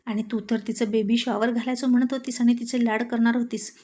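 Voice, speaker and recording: Woman reading as a haughty, sharp-tongued wife. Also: a little high, level tone, a little fast, natural voice. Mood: scornful. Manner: haughty, insulting. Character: proud sharp-tongued married woman with memory loss.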